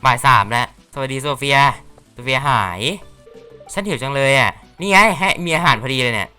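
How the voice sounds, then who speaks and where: A man's voice: medium pitch, lively intonation, moderate pace, pushed and bright, smooth, faint music behind. A man casually commentating a farming game, chatty and playful, reading the characters' lines aloud. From Thailand. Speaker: gaming YouTuber. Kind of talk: casual Let's Play commentary.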